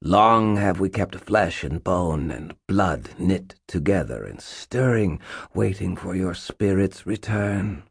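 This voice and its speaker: A cold, imperious faerie queen, put on by a male reader purrs and hisses her words in a husky, unhurried way. Her lines sit higher than the reader's deep voice. The recording is close and dry. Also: animated, dry recording, exaggerated voice. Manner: hissing, purring, regal and possessive. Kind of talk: audiobook narration.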